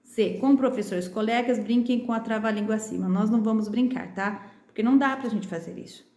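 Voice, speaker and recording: A Brazilian primary school teacher with a São Paulo accent, patiently walking young pupils through a remote lesson and stretching out syllables. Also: female voice, fairly high pitch, fast talker, dark tone. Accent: Brazilian Portuguese, São Paulo state. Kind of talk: remote lesson walkthrough for children. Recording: roomy echo.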